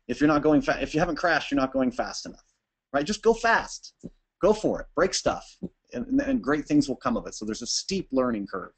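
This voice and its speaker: A man presenting a webinar to app builders, talking fast and energetically with frequent restarts and ums. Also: mid-range voice. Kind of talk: informal talk to users.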